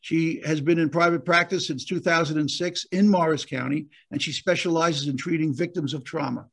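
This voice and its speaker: Hoarse-edged man hosting with many fillers. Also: fairly high pitch, steady tone. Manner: halting, with many fillers and restarts. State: losing his voice. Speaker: county prosecutor hosting the event. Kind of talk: hosting a virtual conference. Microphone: video call.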